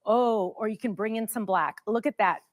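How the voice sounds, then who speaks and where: A woman's voice: mid-range voice, normal speed, no room sound, studio quality. A woman working as a home shopping host, demonstrating products in a chatty, gushing and emphatic way.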